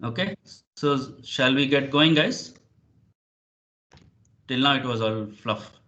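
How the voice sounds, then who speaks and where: A man's voice: mid-range voice, expressive, slow pace, pushed and bright. A man presenting an online webinar, speaking hesitantly with many fillers like "you know". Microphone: video call. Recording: dull lo-fi video call audio.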